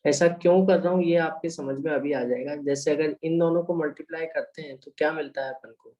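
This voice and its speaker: A man's voice: a little high, steady tone, a little fast, darkish tone, muffled recording. A man with an Indian accent teaching a chemistry lecture, explaining step by step and mixing English phrases into Hindi while checking in with students. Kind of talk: online lecture explaining equations.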